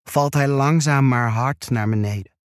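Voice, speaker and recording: A man reading a first-person erotic story aloud in a slow, hushed, intimate way. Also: medium pitch, smooth, dry recording, studio quality. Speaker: narrator.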